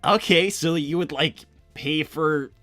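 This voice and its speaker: Man as a young male hedgehog hero, high-set bright voice, laid-back, halting slacker drawl, improvised cartoon livestream chat. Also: no room sound, faint music behind, exaggerated voice. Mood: unsure. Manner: hesitant, casual slacker drawl with many likes.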